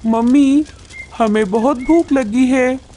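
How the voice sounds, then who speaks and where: A woman voicing a group of small bird chicks in a cartoon, with a high, childlike way of talking. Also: slow pace, warm tone, slight background noise. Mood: excited. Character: small excited bird chicks, hungry and eager.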